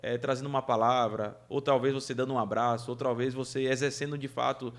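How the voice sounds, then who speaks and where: A man as a podcast guest, telling lively anecdotes in casual chat and laughing through the funny parts. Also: medium pitch, quick pace. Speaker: podcast guest, event producer.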